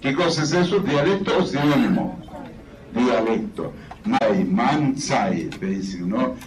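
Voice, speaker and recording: A man with a Peruvian Spanish accent teaching a class, slowly reading word lists aloud and explaining them. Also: medium pitch, animated. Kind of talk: classroom vocabulary lesson. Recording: echoey room, far from the mic, noisy.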